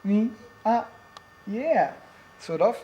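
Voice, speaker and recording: A man's voice: high voice, lively intonation, drawn-out words, dark tone, a little hiss or hum. An older man, playfully reading picture books to a toddler at home, with teasing questions and animal noises.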